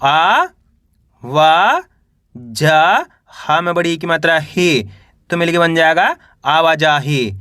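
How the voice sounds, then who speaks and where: Male reading teacher, high bright voice, slow syllable-by-syllable delivery, close dry mic. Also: animated, no room sound. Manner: spells each syllable slowly, then says the whole word; addresses viewers as friends.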